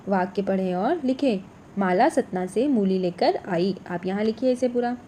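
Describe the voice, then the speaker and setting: A woman teacher walks young children through a workbook, saying every letter and word slowly and twice over. Her voice is mellow and dark at a middle pitch. A faint hiss sits under the recording. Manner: slow, clear, repeats each letter and word.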